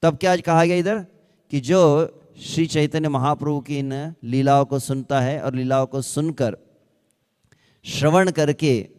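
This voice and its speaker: A man preaching at an unhurried pace, his voice fairly high and smooth. He keeps asking his listeners questions and sometimes draws out verses in a slow chant. His words ring with the long reverb of a large hall. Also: a little mellow. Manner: asks rhetorical questions. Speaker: ISKCON speaker. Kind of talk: Hindi devotional discourse.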